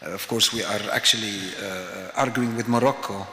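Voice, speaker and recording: A man from Egypt giving a conference talk, pausing often with "uh" fillers as he speaks. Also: lowish voice, sharp tone. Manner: hesitant, many "uh" fillers. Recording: hall with long reverb.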